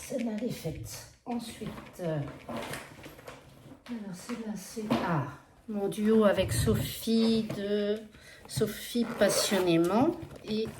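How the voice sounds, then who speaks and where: A woman with an accent talks slowly through a relaxed stitching update, hesitant and apologetic and full of little fillers. Her voice sits at a middle pitch. A faint hiss runs under the recording. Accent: non-standard accent in French. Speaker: cross-stitch vlogger. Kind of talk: casual flosstube progress update.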